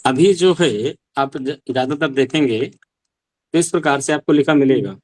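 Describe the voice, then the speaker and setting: A man's voice: mid-range voice, normal speed, a little mellow, no echo. A male Sanskrit teacher giving an online language class, explaining step by step and asking rhetorical questions.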